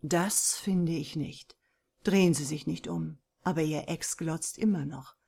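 A woman reading an audiobook, voicing a calm, self-assured young man who teases and coaxes. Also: sits low, measured pace, gravelly, slightly rough, voice pushed down, full character voice. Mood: calm teasing. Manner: calm, teasing, coaxing.

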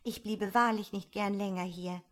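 A woman voicing the young girl Alice, talking to herself in a lively, wondering way. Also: medium pitch, moderate pace, close to an everyday voice. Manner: lively, wondering self-talk.

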